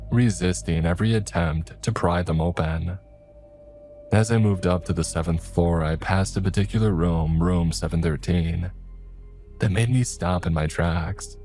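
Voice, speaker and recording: A man with a very low voice tells a first-person horror story. His delivery is measured and steady, with faint music playing underneath. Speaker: narrator.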